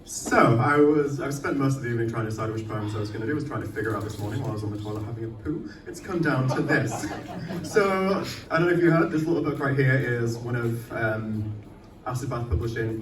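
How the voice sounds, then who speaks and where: Reading his own poems fast in a mid-range voice, this man is caught from well away from the microphone at a live, echoey indoor arts night. His self-deprecating, sweary delivery sits over a faint background hiss.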